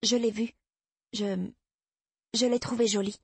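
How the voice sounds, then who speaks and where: A woman's voice: on the high side, steady tone, measured pace, darkish tone, breathy edge, no room sound, pitched above the performer's own voice. A woman voicing a frightened little girl in an audiobook, timid and stammering.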